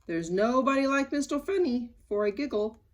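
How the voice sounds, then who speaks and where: A woman voicing a cheerful chatty little man in a storybook, raising her voice bright and eager. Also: a little high, lively intonation, normal speed, pitched above the performer's own voice, close to an everyday voice. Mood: encouraging.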